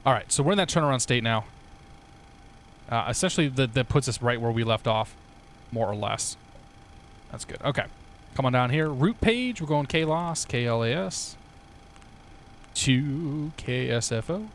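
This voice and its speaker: A man's voice: mid-range voice, lively intonation, normal speed, long pauses, slight background noise. A young man streaming a flight simulator, chatting casually with viewers, laughing and swearing now and then. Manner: laid-back, swears casually, laughs often. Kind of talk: casual livestream chat with viewers.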